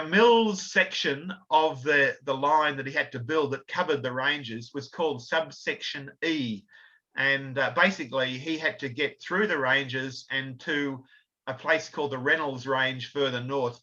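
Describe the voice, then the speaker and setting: Explaining slides with fillers and self-corrections, a male author and researcher delivers an illustrated history talk. The recording is slightly dull lo-fi audio, and his mid-range voice sounds pushed and bright.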